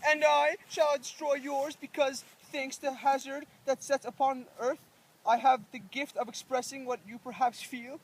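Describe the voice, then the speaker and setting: A woman's voice: sits high, steady tone, moderate pace, distant mic, slight background noise, poor audio. A young student voicing Cyrano, a proud and anguished male poet-soldier, in an earnest, declamatory school play reading. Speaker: student actor.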